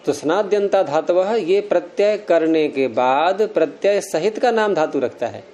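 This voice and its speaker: A man lectures a roomful of students on grammar, working through each rule patiently and stopping to put questions to the class. His voice sits a little higher than most men's but has a soft, mellow tone. It's an unhurried classroom lecture. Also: animated. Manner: explains step by step, quizzes students. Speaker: Sanskrit grammar teacher.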